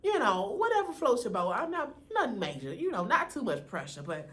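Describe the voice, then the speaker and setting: A woman's voice: fairly high pitch, very animated, a little fast, a bit bright. An American woman with a slight lisp from braces, chatting casually to her viewers as a sassy, talkative video host. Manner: sassy and chatty, peppered with "honey", "you know" and "right?".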